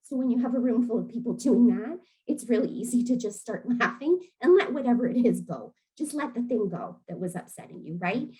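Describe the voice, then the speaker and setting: A woman who facilitates an early years program, gently demonstrating calming breathing techniques with an encouraging manner and easy laughter. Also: fairly high pitch, brisk, few pauses, poor audio. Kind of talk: friendly instructional demonstration.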